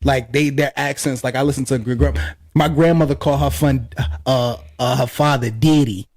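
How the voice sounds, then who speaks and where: Podcast co-host, male, rapid loose banter, laughs a lot, salty language. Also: medium pitch, fairly even intonation, darkish tone, no echo, studio quality. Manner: loose, joking, laughs often, curses. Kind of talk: casual chat.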